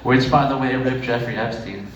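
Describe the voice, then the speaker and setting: A man's voice: mid-range voice, fairly even intonation, normal speed, highs cut off. Echoey, distant male stand-up comic. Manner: profane, conversational delivery. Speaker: stand-up comedian. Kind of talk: stand-up comedy set. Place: echoey room with live audience. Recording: echoey noisy room, distant mic.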